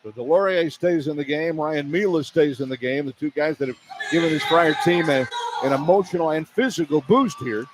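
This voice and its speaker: Working as a radio play-by-play announcer, a man calls a live basketball game from an indoor arena. His voice is a little high and fairly quick. Clear arena ambience fills the background of the recording.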